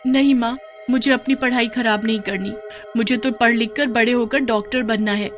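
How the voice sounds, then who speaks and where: Young cartoon sisters, woman voicing them, earnest and pleading, lifted pitch. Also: steady tone, normal speed, soft background music, natural voice. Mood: sad. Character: two young schoolgirl sisters, hurt but brave.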